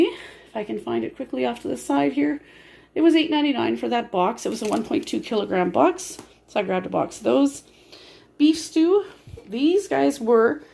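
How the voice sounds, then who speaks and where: A woman with a breathy voice, short of breath from bronchitis, chatting casually in a rambling, explanatory way as an amateur vlogger filming on a handheld phone at home. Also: mid-range voice, darkish tone. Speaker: amateur grocery haul vlogger. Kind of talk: casual chatty haul narration. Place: indoors at home.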